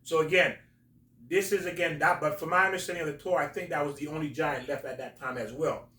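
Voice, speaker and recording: A man hosting a talk, explaining religious stories in a halting, emphatic storytelling way. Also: on the high side, steady tone, pushed and bright. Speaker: host, religious teacher. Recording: roomy echo, distant from mic.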